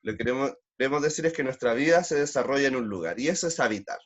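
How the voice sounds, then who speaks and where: A man's voice: mid-range voice, expressive, fast, dull audio. A man with a Chilean accent teaching a beginner language class online, patiently drilling sounds and repeating syllables. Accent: Chilean Spanish.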